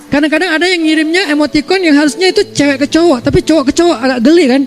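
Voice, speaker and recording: High-voiced Indonesian preacher, chatty. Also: male voice, very fast, faint music behind. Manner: chatty and playful, acting out examples. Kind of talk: casual religious lecture.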